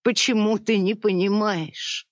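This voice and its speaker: A narrator voicing a tearful young wife who pleads with her husband in a high, trembling voice. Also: moderate pace, vocal fry, a little mellow, no room sound, clean studio sound. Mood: tearful pleading. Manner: high, trembling, sobbing pleas. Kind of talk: audiobook character voice.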